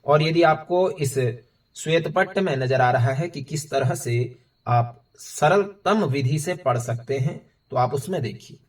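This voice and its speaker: A man teaching how to recite Sanskrit verses, explaining hard words and chanting them slowly, syllable by syllable, at a whiteboard. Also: a little high, distant mic. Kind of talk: step-by-step recitation lesson.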